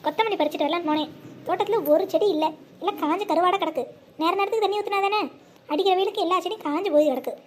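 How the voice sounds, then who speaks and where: A woman doing a shrill-high, nagging villager. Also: rapid-fire. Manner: nagging, sarcastic. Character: scolding, sarcastic village household member. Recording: faint background noise.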